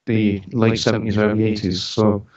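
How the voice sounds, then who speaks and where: Recorded on a distant mic in an echoey room with dull sound, a musician and studio owner in his forties tells informal, lightly humorous stories as an interview guest. Born in Scotland and raised on the road around the UK, he has a mixed Scottish British accent. His fairly low voice is level, a little mellow, at a moderate pace.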